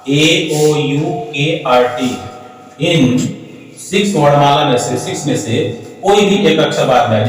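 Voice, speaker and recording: A man teaching spoken English, who repeats each word again and again and keeps asking the class questions. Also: fairly high pitch. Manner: repeats words over and over, asks the class rhetorical questions. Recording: echoey hall, voice from far off.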